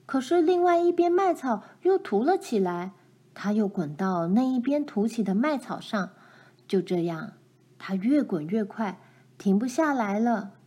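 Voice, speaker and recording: A woman reading a children's storybook chapter aloud, gentle and expressive. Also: on the high side, unhurried, husky.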